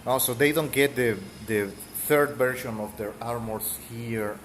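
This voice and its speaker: Speaking a little slowly in a fairly bright, medium-pitched voice, this streamer from Mexico offers loose game commentary full of fillers and the odd cough. He's a native Spanish speaker with a thick Mexican accent, and there's slight background noise.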